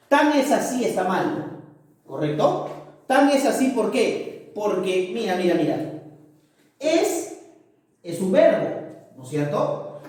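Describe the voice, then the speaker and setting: A man's voice: high-pitched, a little mellow, distant mic. A male teacher giving a grammar lesson, checking in with his students after nearly every point. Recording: echoey room, voice off-mic.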